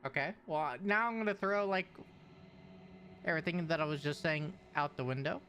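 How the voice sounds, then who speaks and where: A man streaming a video game, commenting live to chat in an excitable way and repeating words in bursts. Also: on the high side, moderate pace, slight background noise.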